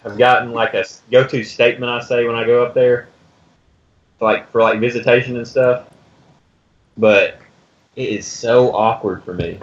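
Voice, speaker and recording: A man in casual chat who speaks in a hesitant, halting way. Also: mid-range voice, steady tone. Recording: dull lo-fi recording.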